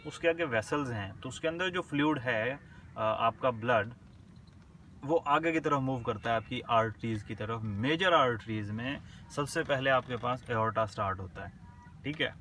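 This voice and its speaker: In a recorded lesson, a male medical lecturer slowly reads out English definitions, then explains them conversationally, often checking in with short confirming words. His mid-range voice is bright and forceful, picked up far from the mic with a little hiss or hum.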